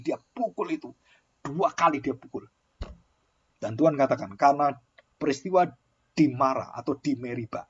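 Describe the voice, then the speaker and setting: A man preaching a sermon, telling stories with lively shifts and acting out quoted voices. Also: mid-range voice, breathy edge, lo-fi sound. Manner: animated storytelling, acts out quoted voices. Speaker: pastor.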